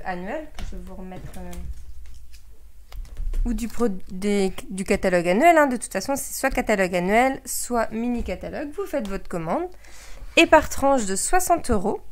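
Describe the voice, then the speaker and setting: A woman showing off new craft supplies in a friendly, informal chat. She talks straight to her viewers, pausing often with filler sounds and starting phrases over. Her pitch sits in an ordinary middle range. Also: darkish tone. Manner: hesitant, many filler sounds and restarts; chatty and friendly, addressing viewers directly. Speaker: craft product demonstrator. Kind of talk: casual product presentation.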